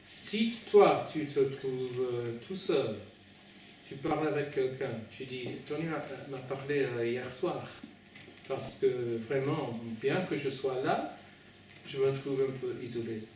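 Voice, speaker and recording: Slow, echoey male preacher with foreign-accented French. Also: medium pitch, darkish tone. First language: not French. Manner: halting and hesitant, repeats and corrects words, pastoral direct address. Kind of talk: informal sermon at an evening meeting. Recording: very echoey room, distant mic, faint noise.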